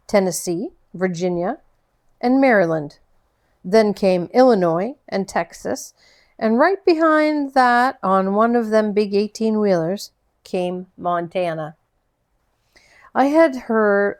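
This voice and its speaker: A woman reading a novel aloud in a gentle, unhurried way. Her voice sits in an even middle range, and she tells the story plainly with the occasional small restart. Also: mid-range voice. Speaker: audiobook narrator.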